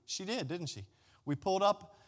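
Preaching at a moderate pace, this middle-aged American pastor has a high, expressive voice. His sermon is conversational and emphatic, built on stories, repetition and rhetorical questions.

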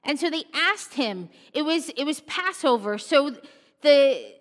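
A woman preaching a sermon, telling the story with animated expression and dropping to a hush for solemn points. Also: sits high, unhurried. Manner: animated storytelling, acts out mocking voices, drops to a hush for solemn moments. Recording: long reverb of a church hall.

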